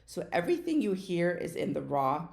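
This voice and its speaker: A woman from the United States talks through her solo podcast in a chatty, unedited way, stumbling over words now and then. Her voice sits low with a gravelly edge. The room around her has a noticeable echo. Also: very animated, normal speed, a little mellow. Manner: chatty, self-correcting, tongue-tied at times. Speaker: podcast host. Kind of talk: casual solo podcast talk. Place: home in Florida. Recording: echoey room.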